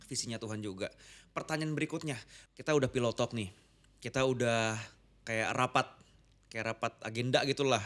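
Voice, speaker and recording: A man's voice: mid-range voice, normal speed, long pauses, fairly bright tone. A man hosting a podcast, listening attentively, summing up, and asking the next question. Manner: attentive, many short acknowledgements, summarizing. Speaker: podcast host. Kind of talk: casual podcast conversation.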